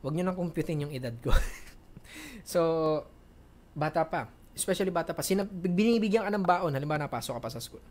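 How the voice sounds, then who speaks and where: A man's voice: sits high, lively intonation, quick pace, darkish tone. A man giving casual, chatty coaching advice to viewers in a Q&A, mixing in English phrases and laughing often. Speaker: networking coach hosting a Q&A.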